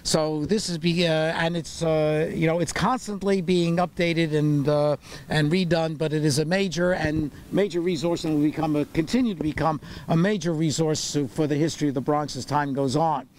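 A man's voice: a little high, fairly even intonation, moderate pace, darkish tone. Older New man guiding a street tour. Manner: rambling, many "uh" fillers, wry puns. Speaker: tour guide and borough historian. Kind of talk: outdoor walking tour talk. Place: city sidewalk outdoors in winter. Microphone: handheld microphone. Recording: street noise, far camera mic.

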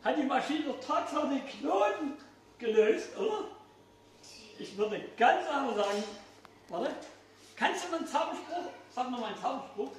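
An older man works as a kids' party magician with a high, swooping voice and playful, questioning show patter. He is recorded from a distance in an echoey indoor room. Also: sing-song, moderate pace. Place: indoors, small restaurant-like room. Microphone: distant phone camera in the audience. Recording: echoey room, far from mic, faint noise.

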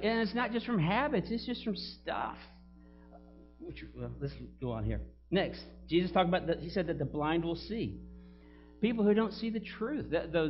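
A pastor preaching a sermon in a church, animated and acting out the voices he quotes, with loud whoops. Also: high-pitched, dull audio. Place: church sanctuary.

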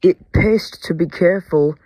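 A loud, teasing rival who jeers at a stuck engine, as a man puts him on. The voice is raised in pitch and volume, recorded close and dry for a comic storybook parody. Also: measured pace, no echo. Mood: mocking. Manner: jeering, loud. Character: mocking teasing male railway rival.

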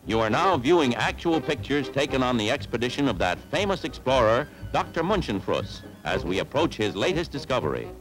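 A man's voice: medium pitch, big pitch swings, a little fast, few pauses, poor audio. A man in an old newsreel style, announcing each item with emphatic mock-serious delivery. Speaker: newsreel narrator. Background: music.

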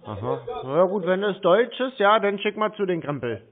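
This prank call features a scam-baiting man with a high, very animated voice at a moderate pace. He pretends not to understand, drags things out, and ribs the scammer, all over a thin, tinny phone line.

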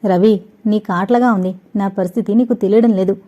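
A woman's voice: medium pitch, steady tone, a little fast, mellow, lightly acted. A woman reading an anxious young woman in love. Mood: worried. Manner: pleading, worried. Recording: dull lo-fi audio.

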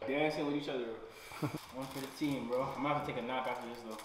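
A man's voice: mid-range voice, fairly even intonation, very fast, far from the mic. A man bantering casually, his mouth burning from spicy food. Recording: echoey room, clear background noise.

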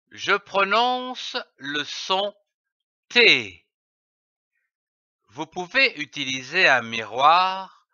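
A man teaching children to read, spelling out letters and syllables slowly and stressing each sound, on a dull, lo-fi recording. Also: fairly high pitch, sharp tone, no echo. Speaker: reading teacher. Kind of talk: slow, carefully enunciated reading lesson.

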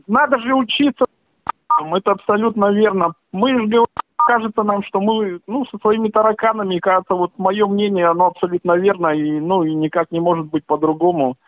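A man's voice: sits high, steady tone, brisk, no echo. A man from Russia on a casual phone call, agreeable and rambling, with many hedging filler phrases. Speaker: caller. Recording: tinny, dry phone line.

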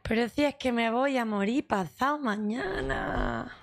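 A woman, streaming a game with casual, animated commentary, full of exclamations and laughter. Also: fairly high pitch, unhurried, gravelly.

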